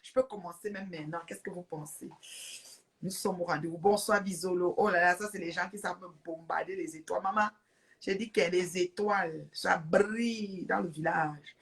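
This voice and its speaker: On a live stream, a chatty woman greets and thanks her viewers between bursts of laughter, talking straight into a phone or webcam in a relaxed, conversational way. Her voice is fairly low and gravelly, at a moderate pace.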